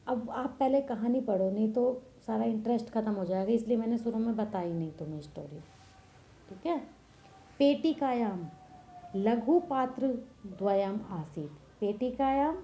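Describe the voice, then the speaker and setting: Patient woman teacher, slow and mellow, walking through a text and quizzing herself aloud. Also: a little high, highs cut off. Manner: patient, asks and answers her own questions. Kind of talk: classroom lesson explaining a text line by line.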